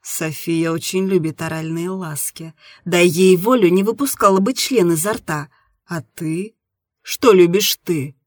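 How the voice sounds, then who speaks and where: A calm, self-assured man speaking softly and coaxingly, his voice set a touch lower and quieter than the narration, as a female reader acts him out. The sound is husky and close, with a dry recording. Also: unhurried, no echo. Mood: gentle. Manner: soft and coaxing. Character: calm, confident adult man, gentle lover.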